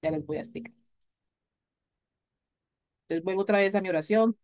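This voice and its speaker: A woman's voice: medium pitch, normal speed, a little mellow. A woman teaching an English grammar lesson to a class, explaining patiently and checking in with her students often. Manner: patient, repeats key points, asks "¿vale?" often. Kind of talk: recorded class lecture.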